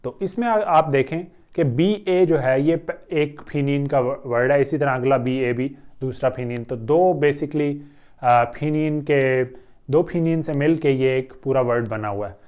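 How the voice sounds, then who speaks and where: A man's voice: medium pitch, a little mellow, clean tone. A man with an Urdu accent teaching a Chinese pronunciation lesson in a patient, explanatory way. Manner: patient, explanatory, drawn-out pauses and fillers. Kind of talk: online language lesson.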